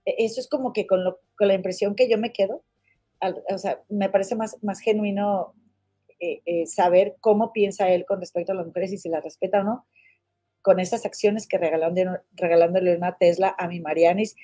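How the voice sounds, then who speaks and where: Mexican woman, livestream host, warm mellow voice, chatty, blunt, gossipy. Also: medium pitch, steady tone, moderate pace. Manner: chatty, gossipy, blunt, calls viewers comadres. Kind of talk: casual livestream chat reading viewer comments.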